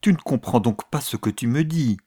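A man's voice: mid-range voice, expressive, normal speed, warm tone, husky. A man voicing a young officer who speaks in a strained, clipped way, reading dialogue for an audiobook. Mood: tense. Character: young male officer, ashamed and tense.

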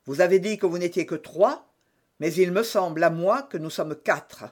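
A man's voice: high-pitched, normal speed. A man voicing an earnest, proud young swordsman in an audiobook, speaking courteously.

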